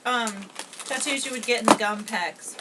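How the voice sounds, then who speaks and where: A woman at a casual snack tasting, excitable and quick to exclaim and explain. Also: on the high side, very noisy.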